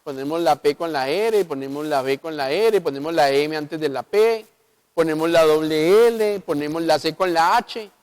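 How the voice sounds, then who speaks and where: A man with a Colombian accent, a pastor explaining the Bible on local television, who often puts rhetorical questions to his listeners. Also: a little high. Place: local TV studio.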